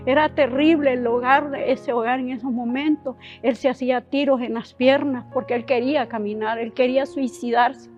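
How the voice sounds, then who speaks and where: A woman from Honduras sharing a personal testimony, telling her story in a halting, emotional way with many restarts. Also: sits high. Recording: dull lo-fi sound with faint music.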